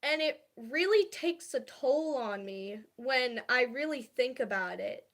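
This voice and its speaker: A woman's voice: high-pitched, lively intonation, measured pace. A young woman livestreaming, talking casually and hesitantly about her feelings, with many fillers and restarts. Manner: confiding and soft-spoken about feelings.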